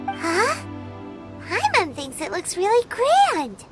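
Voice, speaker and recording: A tiny, chirpy fairy companion in a game, her voice extremely high and squeaky, leaping wildly in pitch. She drags words out slowly and brightly. Loud game music surrounds her. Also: wildly swooping pitch, heavily acted. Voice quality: squeaky, childlike.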